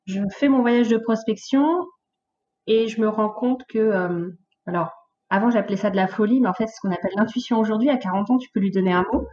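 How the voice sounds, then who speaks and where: A woman's voice: mid-range voice, brisk, lo-fi sound, a little hiss or hum. Chatty woman in her late thirties, storytelling. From France, of Portuguese origin. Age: late 30s. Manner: lively storytelling, addresses host informally, many fillers. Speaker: podcast guest. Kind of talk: casual conversational interview.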